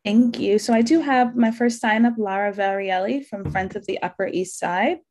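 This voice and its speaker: Woman running the sign-up list, brisk procedural talk, middle pitch. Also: a little mellow. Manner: brisk, businesslike. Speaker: hearing staff calling testifiers. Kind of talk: procedural instructions.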